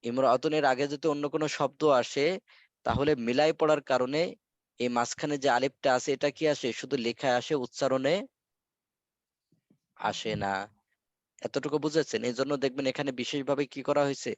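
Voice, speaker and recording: A man's voice: medium pitch, steady tone, fairly quick, pauses often, no room sound. A male teacher leading an online class, patiently repeating words so students memorize them. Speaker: Arabic teacher. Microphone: video call.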